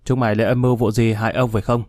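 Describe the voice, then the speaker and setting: A man doing a gruff, bossy young man. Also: medium pitch, level tone, very fast, darkish tone, no room sound, studio quality, close to an everyday voice.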